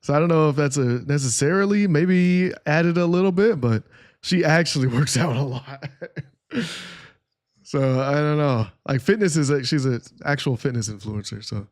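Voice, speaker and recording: A man's voice: on the high side, normal speed. Man, streamer, casual reaction commentary, rambling.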